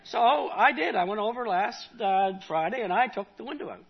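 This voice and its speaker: A middle-aged man talking casually about a Bible study in a folksy, halting way, often restarting his sentences. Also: high-pitched, animated, gravelly, a little hiss or hum. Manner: folksy, halting, restarts a lot, tells personal anecdotes. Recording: dull lo-fi recording.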